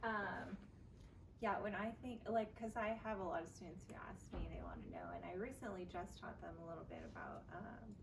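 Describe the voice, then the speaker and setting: A woman from Los Angeles, a teacher, speaking casually to a class and pausing often with "um" and "like". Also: fairly low pitch, sing-song, vocal fry. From Los Angeles, California, United States. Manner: hesitant, with many "um"s and "like"s. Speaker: teacher and co-presenter. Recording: distant mic with noise.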